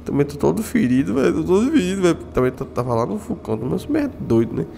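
A man, doing animated game roleplay full of slang and tough-guy banter. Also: a little high, fast talker, vocal fry, slight background noise. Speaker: gamer doing roleplay as a gorilla's son. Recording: reverberant with faint background music.

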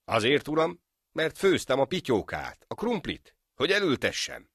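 A man voicing a clever, cheeky village friend in an animated folk tale, talking in a lively, sly and proud way. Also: deep voice, dry recording, studio quality.

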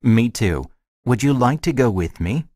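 A man's voice: mid-range voice, expressive, measured pace, a little mellow, no echo, clean studio sound. A man acting a friendly character in a scripted language lesson dialogue, with careful short sentences. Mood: friendly, measured. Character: friendly man chatting about a shared hobby.

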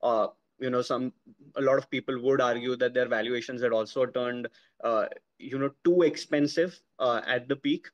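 A man with an Indian accent, interviewing a guest on a podcast and asking measured questions with many fillers. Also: medium pitch, steady tone, dull audio.

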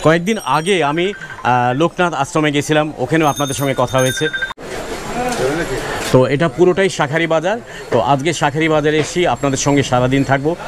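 A man hosting a walking street vlog in an outdoor city market, chatting with shopkeepers and speaking straight to his viewers in a lively way. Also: on the high side, a little fast, background noise. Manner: lively, keeps addressing the audience directly. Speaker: street vlogger host.

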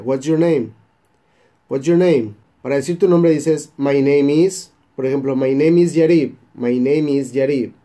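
Mellow-voiced Mexican man teaching English. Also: mid-range voice. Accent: Mexican Spanish. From Baja California Sur, Mexico. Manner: repeats phrases slowly to model pronunciation. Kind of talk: English lesson for Spanish speakers.

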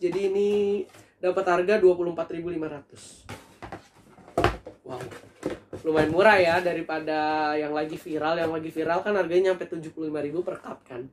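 Here a young man reviews food in a relaxed vlog, addressing viewers in an animated, talkative way from his seat at a table in a small room. He has a high-pitched voice.

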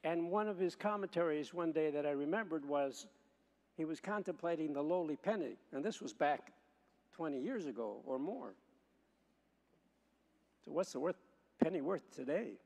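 A man, a priest, reading the gospel and preaching in a measured way, slowing to stress key words, with a long church echo around his voice. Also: a little high, expressive, gravelly, darkish tone. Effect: long church hall echo. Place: large church. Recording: long reverb of a large church.

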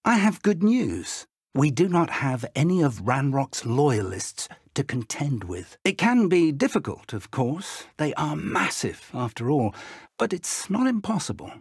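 An actor playing an elderly British wizard professor in a video game, an earnest, courteous mentor with a gravelly, husky voice and measured, formal speech. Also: male voice, a little high, wildly swooping pitch, no room sound, clean studio sound, full character voice. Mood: genial. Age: older. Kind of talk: scripted video game dialogue.

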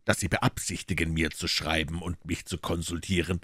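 A man voicing a calm, ironic detective in a German audiobook, speaking low and measured. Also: slightly rough, no room sound, clean studio sound. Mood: cool ironic. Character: Sherlock Holmes, cool calm detective, man.

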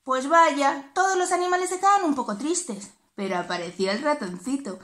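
A preschool teacher, telling a story to small children in an animated, sing-song way. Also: female voice, high voice, normal speed.

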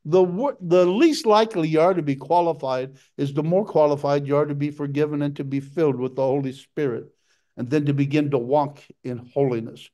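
High-voiced impassioned male preacher. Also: a little fast, dark tone. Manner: impassioned preaching, jumps to a high pitch for emphasis. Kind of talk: sermon.

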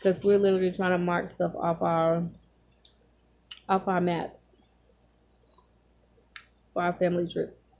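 A woman in her thirties telling casual stories while she eats, talking with her mouth full and pausing to chew, recorded on a phone in a room at home. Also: on the low side, level tone, darkish tone. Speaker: vlogger. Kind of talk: casual storytelling while eating. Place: small home room, indoors. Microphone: phone at arm's length.

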